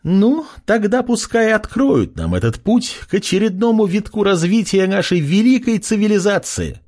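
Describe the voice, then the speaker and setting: A man voicing a proud warrior woman who speaks haughtily and scornfully, with a lively, husky voice. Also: mid-range voice, normal speed, exaggerated voice. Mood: rousing.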